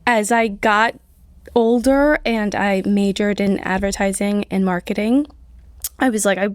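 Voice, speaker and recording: Guest: woman, 30s, from Colombia, chatty with constant fillers, mid pitch, dry close mic. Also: steady tone, unhurried, no room sound. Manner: chatty, many "like" fillers, laughs often. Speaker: nonprofit CEO, guest. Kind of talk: casual interview conversation.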